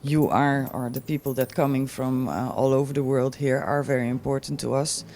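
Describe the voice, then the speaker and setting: A woman explains things in a measured, hesitant way as an airport executive being interviewed. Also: extremely low pitch, fairly even intonation, a little mellow, a little hiss or hum. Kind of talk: on-camera promotional interview. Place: airport VIP lounge. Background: music.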